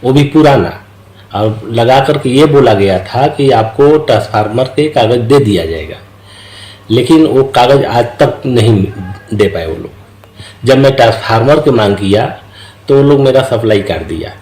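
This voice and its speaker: A man's voice: mid-range voice, expressive, moderate pace, darkish tone. Male interviewee, aggrieved complaint, echoey room. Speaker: factory owner interviewed. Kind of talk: news interview. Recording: roomy echo.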